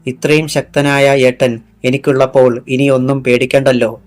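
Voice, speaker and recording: A man's voice: mid-range voice, level tone, moderate pace, lightly acted. A man voicing a fierce young policewoman who swears revenge, speaking with intense resolve in an audiobook. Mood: reassuring. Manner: intense vowing speech.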